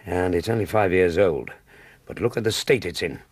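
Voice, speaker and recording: An actor playing an earnest, slightly huffy British doctor and detective's companion, with a husky, gravelly voice, in a radio drama. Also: male voice, sits low, normal speed, no echo. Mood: earnest deduction. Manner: reasoning aloud, wry, easily piqued. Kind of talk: naturalistic radio drama dialogue.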